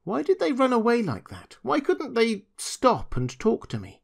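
A man's voice: extremely high pitch, huge pitch swings, a little slow, creaky, pitched above the performer's own voice, exaggerated voice. A man voicing a small, shy toy rabbit in a storybook, plaintive and defensive, with childlike insistence. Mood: pleading, forlorn. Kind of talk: storybook character voice.

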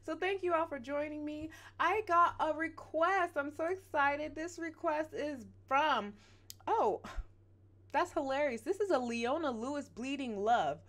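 A woman's voice: sits high, a little slow, fairly bright tone. A woman hosting a reaction vlog, chatting playfully and animatedly straight to her viewers. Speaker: reaction channel host.

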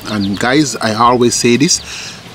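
A man's voice: medium pitch, slow, a bit bright, a little hiss or hum. A man cooking outside over a wood fire, talking straight to his viewers in an upbeat way. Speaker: cook showing a recipe. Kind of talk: outdoor cooking vlog. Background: oil sizzling, faint music.

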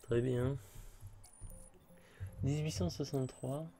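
A man's voice: mid-range voice, fairly even intonation, slow pace, dark tone, soft background music. A man giving casual let's play commentary with sarcastic, joking asides. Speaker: gamer commentator.

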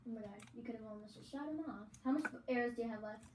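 A woman giving casual, rambling commentary on a friend's game, chatty and easily excited. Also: on the high side, very fast, roomy sound, background noise.

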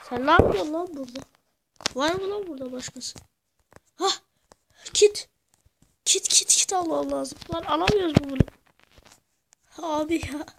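A woman giving rowdy gameplay commentary, cursing and yelling at the game as she plays. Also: high voice, background noise. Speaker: gamer.

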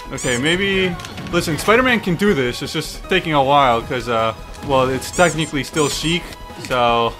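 A man giving excited, casual video game commentary, exclaiming and swearing freely as he plays. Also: on the high side. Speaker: gaming streamer.

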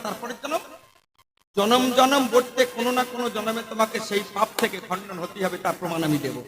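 A man performing a devotional kirtan sermon, lively and questioning the audience as he goes. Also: very high-pitched, low-quality recording. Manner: lively, addressing the audience directly and asking them questions. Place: live kirtan gathering. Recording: live crowd audible behind.

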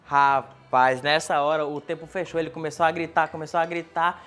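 High-voiced man telling a comic story. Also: moderate pace. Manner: animated, building comic tension. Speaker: stand-up comedy contestant. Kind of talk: stand-up storytelling. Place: TV studio.

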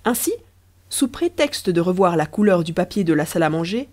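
A woman reads a storybook aloud with a warm, mellow, soft-edged voice. Her narration is lively and playful, keeping the tale moving with a storyteller's touch. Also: lowish voice, brisk. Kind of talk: audiobook narration.

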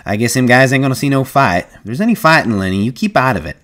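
A man reading aloud and playing a wary, practical ranch worker who speaks flat, curt and guarded. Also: mid-range voice, quick pace, pitched above the performer's own voice, close to an everyday voice. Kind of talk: audiobook reading.

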